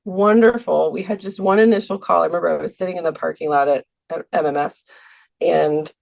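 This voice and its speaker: A woman's voice: lowish voice, steady tone, a little fast, vocal fry, a little mellow, highs cut off. A woman guest on a podcast, talking casually about teaching art, hesitating with many ums and small laughs. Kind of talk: casual interview talk. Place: Milwaukee, US.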